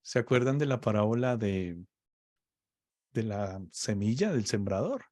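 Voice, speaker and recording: A preacher speaks about faith in a conversation, his fairly low voice animated and a little mellow, captured cleanly in a studio with no room sound. Slow and explanatory, he keeps asking his listener "¿ok?"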